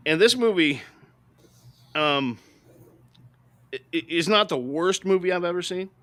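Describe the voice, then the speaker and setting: A man's voice: high voice, lively intonation, measured pace, pushed and bright. A middle-aged man co-hosting a podcast, reviewing movies in an emphatic, ranting way and often asking "right?". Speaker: podcast co-host. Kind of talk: opinionated movie review chat.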